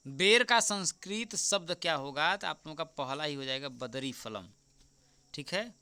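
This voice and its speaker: A man teaching as an exam tutor, going through a paper answer by answer, repeating the key answers slowly and often checking with "right?". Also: fairly high pitch, bright, forceful tone, clear, resonant tone. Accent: Hindi. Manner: repeats answers slowly, keeps asking "ठीक?"; addresses viewers as friends.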